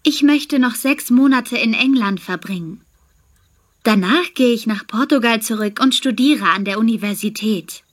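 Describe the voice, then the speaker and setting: A woman's voice: a little high, normal speed, close to an everyday voice. A woman voicing a friendly young au pair. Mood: pleasant. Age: young adult. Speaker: interviewee in a language exam recording. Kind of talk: scripted exam dialogue.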